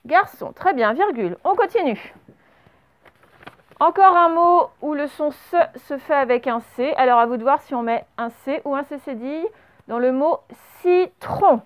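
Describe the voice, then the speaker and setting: A woman teaching young children a spelling and dictation lesson, speaking slowly and patiently and spelling words out letter by letter. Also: high voice, expressive. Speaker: primary school teacher. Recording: slightly dull, lo-fi home recording.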